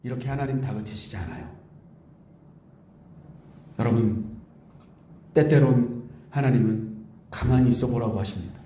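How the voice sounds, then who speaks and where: A male pastor preaching a Sunday sermon in an earnest, pleading way, sometimes speaking softly in God's gentle voice. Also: medium pitch, moderate pace, pauses often. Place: church sanctuary. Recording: echoey church room.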